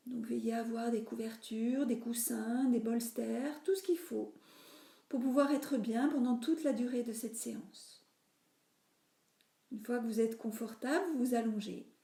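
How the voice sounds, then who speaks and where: In an echoing, roomy recording, a woman who teaches yoga nidra guides a relaxation practice, soothingly instructing and letting her phrase endings fade into breath. Her voice is a little high but mellow, with vocal fry, fairly even intonation, and a slightly slow pace.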